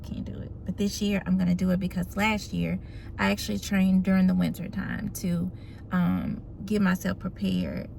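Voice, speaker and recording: A woman's voice: lowish voice, creaky, a little mellow, slight background noise, poor audio. A woman in her forties talking casually and personally to her vlog audience. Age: 40s. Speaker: running vlogger.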